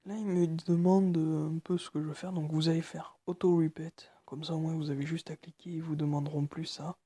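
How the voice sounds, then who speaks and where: Soft-spoken, hesitant young-sounding man. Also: fairly high pitch, level tone, breathy edge, no room sound. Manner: hesitant, halting, many fillers; speaking quietly late at night. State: nervous. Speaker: tutorial maker. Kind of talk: screen-recorded phone tutorial.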